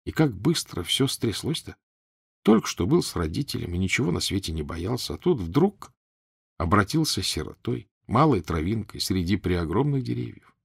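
A man narrating an audiobook in an expressive storytelling manner. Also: lowish voice, moderate pace, vocal fry, breathy edge, no room sound, studio quality.

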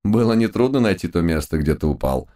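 A man's voice: low voice, expressive, a little fast, warm tone. A man playing a proud, dignified old teacher who praises his pupil in a declaiming tone. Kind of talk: audiobook character voice.

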